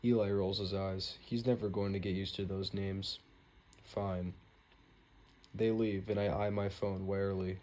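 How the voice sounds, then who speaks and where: A man's voice: low voice, little pitch movement, measured pace, a little mellow. A young man reading a novel aloud in a plain, amateur audiobook style, stumbling and restarting now and then. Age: young adult. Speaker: audiobook reader.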